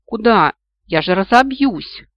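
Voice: medium pitch, expressive, slow pace, no echo, highs cut off, pitched above the performer's own voice. Give me a frightened whiny young man, as the reader plays him in an audiobook. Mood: pleading. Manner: whiny, pleading. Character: frightened young male healer. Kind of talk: audiobook character voice.

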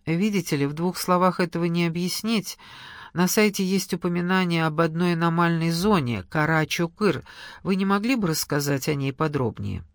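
A reader voicing an earnest young man in an audiobook, hurried and pleading. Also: on the high side, no room sound, studio quality, natural voice. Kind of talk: audiobook character reading.

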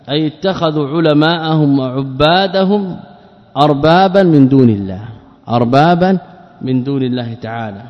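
A man giving a religious lesson, explaining terms and grammar and putting questions to his listeners. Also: medium pitch. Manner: explains words and grammar, asks the audience questions. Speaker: Islamic scholar teaching a book. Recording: dull lo-fi recording with long hall reverb.

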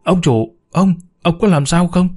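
A man's voice: mid-range voice, moderate pace, warm tone, slightly rough, lightly acted. A man voicing a frightened elderly housemaid in a spoken story, pleading and panicky. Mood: anxious.

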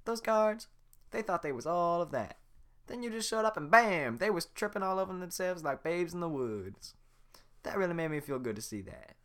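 A man voicing a hyper talkative, boastful male donkey in a fan reading of a cartoon script, with fast, excitable chatter. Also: high voice, pitched above the performer's own voice. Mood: excited.

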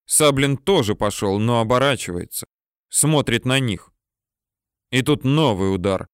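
A man reading a military adventure story as an audiobook, with steady storytelling that swells at tense moments. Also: mid-range voice, measured pace, clean tone, no room sound, studio quality. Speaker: audiobook narrator. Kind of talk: scripted audiobook narration.

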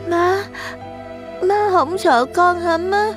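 A man's voice: very high voice, very slow, over music, voice pushed up, full character voice. A man voicing a frightened little ghost girl in a borrowed child's body, tearful and stammering. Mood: tearful pleading. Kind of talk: audio storytelling.

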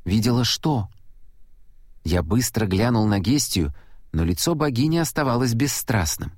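A man's voice: mid-range voice, moderate pace, dry recording. Man narrating an audiobook, dry close sound. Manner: steady storytelling delivery. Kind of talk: first-person audiobook narration.

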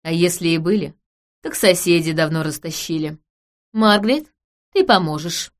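A woman reading an audiobook, voicing a composed nobleman with a dry, wry, measured way of talking. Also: fairly low pitch, close to an everyday voice.

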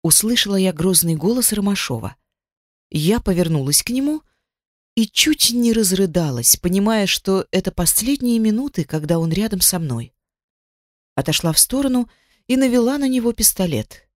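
An expressive woman with a mid-range voice narrates a first-person novel as an audiobook reader. She speaks at a normal pace, and the recording is dry with clean studio sound.

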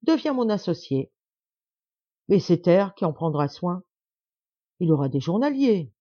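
A woman's voice: lowish voice, sing-song, a little slow, no echo, lo-fi sound. A woman reading a proud stubborn older man. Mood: satisfied. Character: proud embittered middle-aged man, stubborn.

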